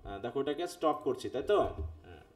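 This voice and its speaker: A very animated English teacher, a man whose first language is Bengali, runs a live online phonetics class in a mid-range voice. He explains step by step, checks in with his students, and reads English text aloud slowly.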